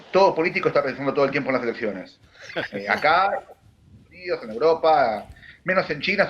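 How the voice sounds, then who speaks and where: A man with a Rioplatense Argentine accent, a political analyst giving measured, analytical answers on a panel, with frequent fillers and restarts. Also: medium pitch, dull audio. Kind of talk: broadcast panel discussion.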